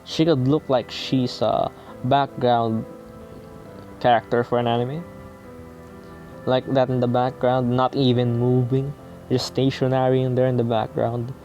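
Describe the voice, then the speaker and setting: A man's voice: mid-range voice, little pitch movement, measured pace, long pauses, dark tone, muffled recording, soft background music. A man playing a visual novel, reading its text aloud and breaking off into casual, profane, self-mocking commentary.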